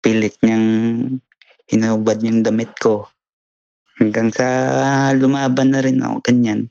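Young filipino guy answering questions, polite, flat tone, kinda dull lo-fi audio. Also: on the low side, measured pace, gravelly, no echo. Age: young adult. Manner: polite and plain, says "sir" and "po", many fillers like "ganyan". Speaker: interview guest, massage therapist. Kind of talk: casual interview.

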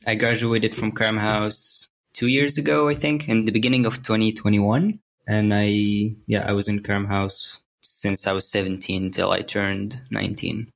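Flat, gravelly young man from Syria. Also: fairly low pitch, moderate pace, few pauses. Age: young adult. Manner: hesitant, with many fillers. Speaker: podcast guest. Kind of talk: casual interview answers.

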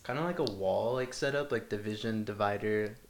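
A man's voice: fairly low pitch, brisk, slight background noise. A man in his twenties chatting casually on a podcast with friends, talking like a slangy frat bro. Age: 20s. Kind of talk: casual chat among friends.

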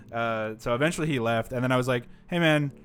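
A man's voice: mid-range voice, normal speed, a bit bright, faint music behind. Rambling man telling a work story. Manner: rambling, many "like" fillers, acts out quotes. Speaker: podcast co-host. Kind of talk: casual storytelling chat. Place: live-streamed podcast setup.

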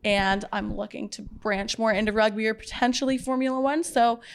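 A woman's voice: on the high side, fairly even intonation, brisk, clean tone. A woman in her twenties from Canada, co-hosting a podcast in an upbeat, chatty way. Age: 20s. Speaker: podcast co-host. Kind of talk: casual chat.

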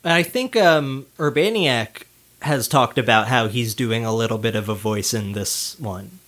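A man's voice: medium pitch, measured pace, a bit bright. A man co-hosting a podcast in casual chat, laid-back, laughing often and swearing now and then. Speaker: podcast co-host.

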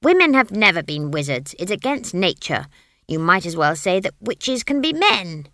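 A woman voicing a sharp-tongued, stubborn old witch who scolds with indignation. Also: mid-range voice, sing-song, normal speed, dry recording, clean studio sound. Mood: indignant.

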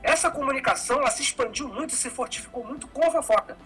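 Male host, bright voice, explaining calmly, faint music behind. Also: extremely high pitch, racing, low-quality recording. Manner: thoughtful, explanatory. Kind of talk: casual discussion.

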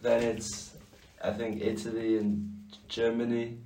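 Flat-voiced teen guy from Wales. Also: mid-range voice, unhurried, slight background noise. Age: teens. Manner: explains things in a steady, matter-of-fact way. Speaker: podcast co-host. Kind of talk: casual chat. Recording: echoey room, distant mic.

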